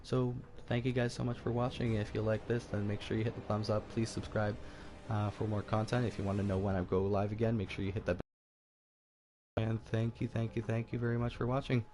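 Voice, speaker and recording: A man's voice: on the low side, level tone, fairly quick, warm tone, slight background noise. A man giving casual video game commentary, rambling along and often stumbling and repeating himself. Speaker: gaming YouTuber.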